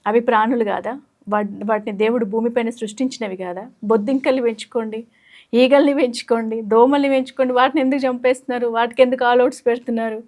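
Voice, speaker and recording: A woman hosting a talk channel, indignant and quick to agree. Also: fairly high pitch, fairly even intonation, darkish tone. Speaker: host.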